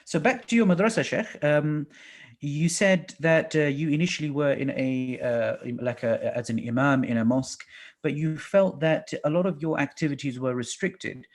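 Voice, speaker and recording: Male host in his thirties, fairly high voice, friendly questioner on a headset. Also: normal speed. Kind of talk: video call interview. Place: small indoor room. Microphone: headset on video call.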